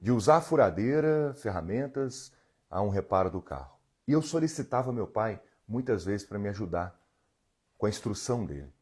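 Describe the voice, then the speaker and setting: Guy in his 40s on a live stream, husky voice, earnest coachy way of talking to viewers. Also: lowish voice, darkish tone. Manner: earnest, coaching, talks straight to the audience and reads their comments. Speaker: emotional healing therapist. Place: his home.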